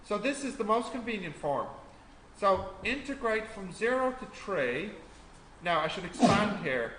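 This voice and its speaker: A man tutoring a maths class, explaining step by step and quizzing students as he goes. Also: fairly high pitch. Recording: echoey classroom with faint noise.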